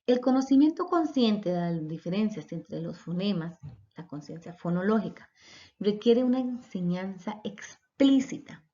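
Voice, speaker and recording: A woman teacher talks through a recorded lesson at a steady middle pitch. She explains patiently and sounds out letters and syllables one by one. The recording is dull and lo-fi. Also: unhurried. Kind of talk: recorded lecture.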